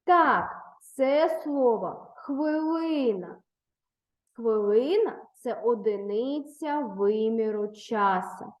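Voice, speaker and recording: A woman teaching a primary school lesson to young pupils, patient and encouraging, praising answers and prompting the next step. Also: a little high. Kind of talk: online lesson for third graders. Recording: roomy echo.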